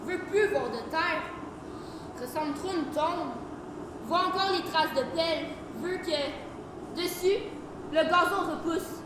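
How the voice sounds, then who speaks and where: Une élève au fort joue une jeune femme en deuil qui parle par phrases hachées, sans mots de liaison, sur une scène de théâtre scolaire. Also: female voice, very high-pitched, takes it slowly, pauses often. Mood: dazed. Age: teens. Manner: clipped, dropped-word phrasing. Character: grieving young woman, broken clipped speech. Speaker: student actor. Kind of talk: school stage play. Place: school theatre stage. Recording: echoey hall, audible room noise.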